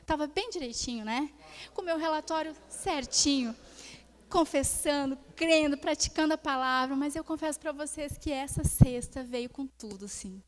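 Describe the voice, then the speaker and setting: A young woman minister with a high voice tells a personal testimony from the pulpit. She keeps it animated and speaks straight to her congregation, drawing them into the story. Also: normal speed. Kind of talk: testimony in a sermon.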